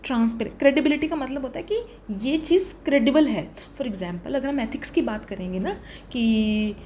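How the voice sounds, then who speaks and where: Indian woman teacher with a higher voice. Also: normal speed, a little mellow, a little hiss or hum. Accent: Indian English. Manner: explains vocabulary with examples, frequent "ठीक है" fillers. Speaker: exam coaching teacher. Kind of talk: casual Hinglish lesson.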